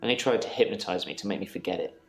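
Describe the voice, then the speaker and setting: An actor in a live-action mystery game playing a troubled male patient who calmly recounts reliving the same day. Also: low-pitched, very fast, gravelly. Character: troubled male patient haunted by repeating days. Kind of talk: scripted game dialogue. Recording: roomy with game music.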